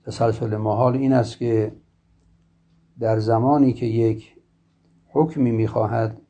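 A man giving a formal philosophy lecture in a slow, measured, scholarly way, often clearing his throat. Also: mid-range voice, steady tone, mellow. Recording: dull lo-fi recording.

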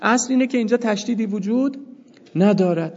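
A man's voice: sits high, a little mellow. A man teaching a jurisprudence lesson in a seminary, explaining step by step and asking and answering his own questions. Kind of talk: jurisprudence lecture. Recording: dull lo-fi sound with long reverb.

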